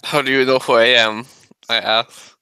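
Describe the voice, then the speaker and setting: A man's voice: medium pitch, level tone, normal speed, sharp tone, smooth, no room sound. A man playing a tabletop role-playing game, casually saying what his character does and asks.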